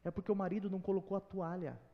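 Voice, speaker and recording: A man with a Brazilian Portuguese accent and a high-pitched voice delivers a church sermon. His preaching is dramatic, rising to loud exhortation and dropping to hushed tones. The long reverb of a church hall trails behind each phrase. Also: flat delivery, racing, lo-fi sound. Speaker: pastor. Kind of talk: expository sermon.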